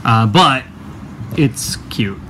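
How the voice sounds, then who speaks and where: A man casually showing off a haul from an apartment room, talking in a relaxed way with many ums and fillers. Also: mid-range voice, extremely slow, slight background noise, poor audio. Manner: relaxed, many ums, enthusiastic about collectibles. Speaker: co-host showing a merchandise haul. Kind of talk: casual chat. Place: one-bedroom rented apartment, indoors.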